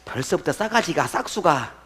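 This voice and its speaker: High-voiced man preaching with lively swings. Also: moderate pace, breathy edge. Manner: animated, swinging between loud bursts and soft asides; asks the congregation rhetorical questions and answers himself. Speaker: pastor. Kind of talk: sermon. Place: church.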